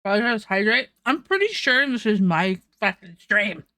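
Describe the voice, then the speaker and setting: A woman's voice: fairly high pitch, sing-song, fairly quick, bright, forceful tone, dry recording, clean studio sound. A young woman streaming, chatting casually with viewers while eating, laughing often and swearing freely.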